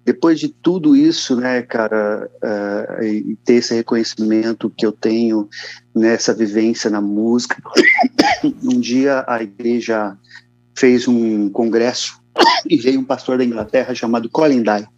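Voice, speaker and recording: A man's voice: medium pitch, a little slow, darkish tone, no echo. A man in his fifties with a São Paulo Brazilian accent, giving a casual, slangy personal testimony as an interview guest. He coughs often as he talks. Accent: Brazilian Portuguese, São Paulo area. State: coughing repeatedly. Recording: dull, lo-fi, dry sound.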